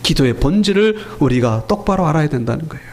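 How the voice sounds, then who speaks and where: A man's voice: on the high side, lively intonation, fast talker, darkish tone, slight background noise. A man preaching a sermon as pastor in a church, asking the congregation rhetorical questions and acting out quoted voices in his stories. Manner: acts out quoted voices in retelling. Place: church sanctuary. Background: congregation answering amen.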